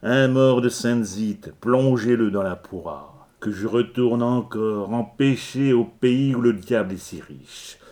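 A man's voice: medium pitch, slow pace, hardly any pauses, dark tone, close to an everyday voice. A man voicing an eager, cruel male demon of hell who calls out in an urgent, mocking way.

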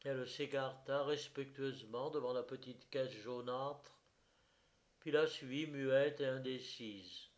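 A man reading a literary story aloud in a measured, expressive narration. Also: mid-range voice.

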